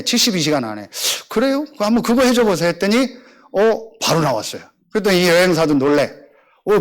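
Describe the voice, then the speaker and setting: A middle-aged male pastor, preaching a sermon and acting out the voices in his stories. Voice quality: animated storytelling, acting out dialogue in lower voice.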